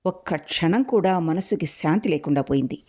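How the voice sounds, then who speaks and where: A woman reading aloud, voicing a short-tempered father who scolds and shouts at his daughter. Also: fairly low pitch, moderate pace, husky. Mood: angry scolding. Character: angry middle-aged father, short-tempered.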